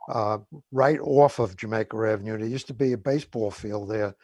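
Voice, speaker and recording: A man's voice: lowish voice, a little fast, a little mellow, slightly rough, dry recording. An older man in his seventies or beyond with a New York accent, chatting in a rambling, hesitant way as a radio co-host. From Woodhaven, Queens, New York. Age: 70s or older. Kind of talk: casual reminiscing radio chat.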